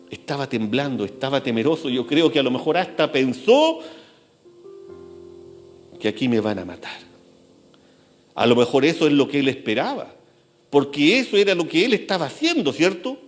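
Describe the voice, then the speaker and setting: Faint instrumental music runs beneath this church sermon. The pastor's voice is fairly high and lively, rising and falling over a wide range, and he leans on repeated key phrases, slowing and sinking low to stress a point.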